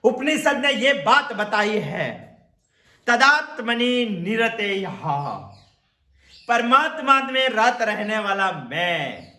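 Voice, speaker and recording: A man giving a slow spiritual discourse on scripture, repeating his phrases for emphasis and chanting verses. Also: sits high, sing-song, bright, forceful tone, echoey room. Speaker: Upanishad teacher.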